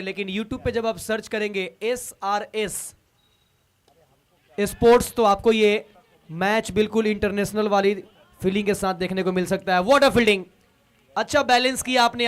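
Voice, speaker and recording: A man commentating on live cricket, discussing the match with a partner and addressing viewers. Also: sits high. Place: commentary box at a cricket ground.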